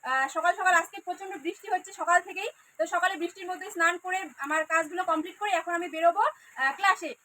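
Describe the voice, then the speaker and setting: A woman's voice: very high-pitched, racing, sharp tone, slight background noise. A young adult woman, chatting casually to viewers in her vlog. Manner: chatty, addresses viewers directly. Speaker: vlogger. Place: outdoors in rain, then dance class.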